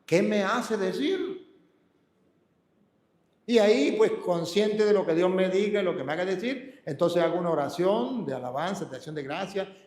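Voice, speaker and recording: Man, priest preaching, high voice, emphatic with calm hushed stretches, echoey church hall. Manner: emphatic, slows to a calm hush on key words. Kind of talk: sermon teaching scripture reading.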